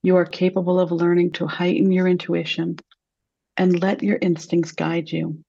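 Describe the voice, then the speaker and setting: A woman leading a guided meditation, speaking slowly and softly with long, calm pauses. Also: on the low side, vocal fry, breathy edge, no room sound, lo-fi sound. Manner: slow, soft and soothing, with long pauses.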